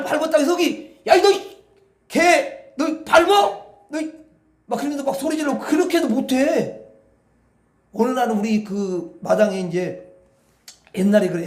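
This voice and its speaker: A male pastor preaching a sermon in an animated, folksy, rambling way, often addressing the congregation directly. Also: high voice. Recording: echoey hall.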